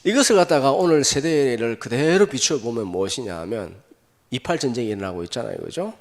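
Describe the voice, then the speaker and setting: Gravelly-voiced pastor preaching. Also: male voice, mid-range voice, brisk. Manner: animated storytelling, rhetorical questions to the congregation, chuckles. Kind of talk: sermon. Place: church sanctuary. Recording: echoey hall.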